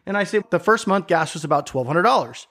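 A man's voice: a little high, expressive, fast, fairly bright tone. A middle-aged man in a casual chat who tells stories with energy, acts out other people's reactions and swears casually.

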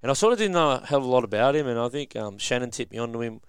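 A man's voice: medium pitch, lively intonation, racing, smooth, no echo, studio quality. An Australian man hosting a sports radio show, chatting and interviewing in a casual, matey, plain-spoken blokey way.

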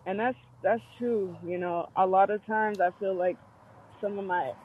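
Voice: mid-range voice, fairly even intonation, normal speed, a little hiss or hum. A person talking over a phone call that keeps breaking up, speaking casually and openly, rambling a little and swearing now and then. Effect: heard over a phone call that keeps breaking up. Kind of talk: casual heartfelt chat. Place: driving through a wooded area. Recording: muffled, dull phone line.

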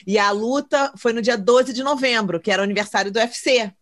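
Podcast host, woman from Brazil, quick lively chatter, slightly high voice. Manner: animated storyteller, acts out quotes. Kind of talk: casual chat.

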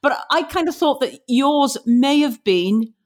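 Chatty woman interviewer, higher voice. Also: lively intonation, measured pace, a little mellow. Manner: chatty, says "right?" a lot. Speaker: interviewer and author. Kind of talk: casual interview chat.

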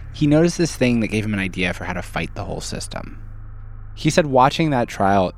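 A man hosting and narrating a scripted documentary, telling the story in measured phrases with key words stressed. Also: lowish voice. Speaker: narrator and host.

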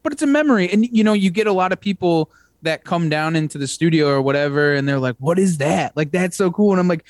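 A man hosts an outdoors podcast with a chatty, upbeat manner. His voice sits a little high for a man. The recording is dry and close, with no room sound. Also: animated, quick pace, dry recording. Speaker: podcast host. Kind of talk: casual interview chat.

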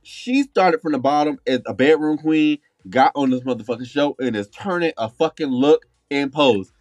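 A man's voice: a little high, moderate pace, darkish tone, no echo. A man co-hosting a podcast with casual, sassy drag queen banter, profane and campy, leaning hard on key words. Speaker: podcast co-host. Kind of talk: casual reality-show review banter.

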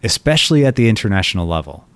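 Guy from colombia riffing on soccer by himself, low voice, keeps restarting lines. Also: very animated, rapid-fire, clear, resonant tone. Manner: thoughtful, frequent restarts and repeated words. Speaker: soccer writer and podcast host. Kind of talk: solo commentary.

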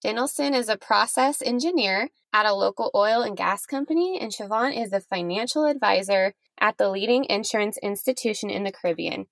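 A woman's voice: medium pitch, a little fast, gravelly, hardly any pauses, a bit bright, no room sound. A woman hosting a podcast, chatting casually with guests and laughing easily. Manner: friendly, laughing, chatty with restarts. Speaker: podcast host. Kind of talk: casual interview chat.

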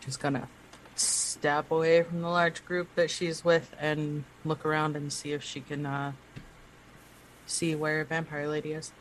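A man describes his character's actions hesitantly while playing an online tabletop game. His voice sits fairly high for a man. A faint hiss lies behind him. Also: little pitch movement, unhurried, a bit bright, poor audio. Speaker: player. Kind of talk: tabletop game chat over voice call.

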